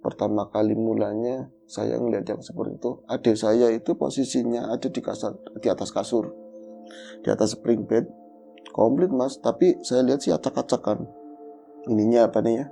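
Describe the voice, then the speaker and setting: A man telling a true horror story in casual chat, animated as he acts out his own calls and growls. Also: mid-range voice, normal speed, vocal fry, soft background music. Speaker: guest storyteller.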